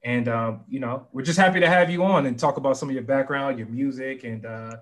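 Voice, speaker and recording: A man's voice: medium pitch, brisk, fairly bright tone. A man hosting a podcast, chatting casually and often stumbling over and repeating his words. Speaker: podcast host.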